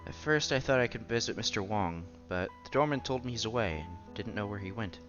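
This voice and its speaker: Reading a visual novel aloud as narrator and lead, a channel host sometimes stumbles over words and rereads them. He speaks fairly quickly in a lowish, fairly bright voice. The sound is lo-fi, with background music.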